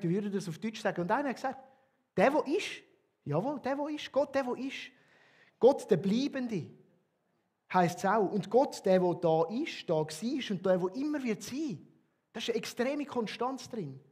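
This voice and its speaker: Husky high-voiced Swiss German pastor preaching. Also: male voice, a little mellow. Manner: earnest, emphatic preaching with varied emphasis. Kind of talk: sermon.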